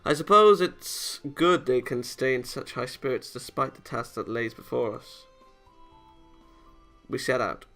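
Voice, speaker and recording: A man with a medium-pitched, expressive voice, bright and forceful, reads a visual novel aloud at a measured pace. It's a casual read-aloud with wry interjections between the lines, and game music plays behind him.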